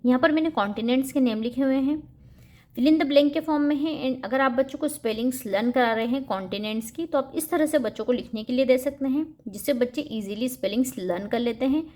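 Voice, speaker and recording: A young woman hosting a homeschooling channel, explaining English practice worksheets for young children in a steady teaching manner and reading the English questions out slowly and clearly. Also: high-pitched.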